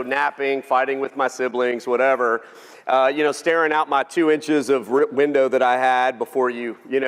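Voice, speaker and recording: A man with a Texan drawl delivers a lighthearted keynote, cracking jokes and polling the crowd. His voice sits a little high for a man. The sound rings with the long reverb of a large banquet hall. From Texas. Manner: folksy, joking, engages the audience. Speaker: keynote speaker. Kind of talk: humorous keynote speech.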